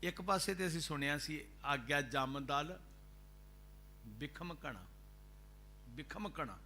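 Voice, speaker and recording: A man with a Punjabi accent giving a sermon at a gurdwara, shifting between loud drawn-out chanting of scripture and quiet speech. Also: a little high, expressive, slight background noise. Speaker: Sikh preacher giving katha. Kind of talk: sermon with sung scripture lines. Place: gurdwara hall, live broadcast.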